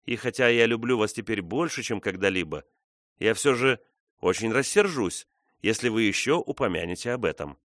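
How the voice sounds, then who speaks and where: A man's voice: on the low side, animated, moderate pace, a bit bright, no room sound, studio quality, voice pushed up. A man reading the part of a spirited young woman in an audiobook, teasing and defiant. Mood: firm. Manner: teasing, challenging.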